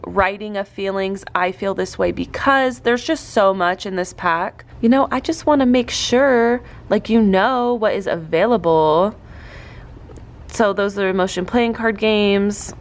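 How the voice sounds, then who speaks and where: A young woman teacher talking casually and chattily about her classroom lessons and materials. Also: mid-range voice. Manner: chatty, upbeat, with likes and you-knows. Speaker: teacher and podcast host. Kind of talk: casual tutorial talk.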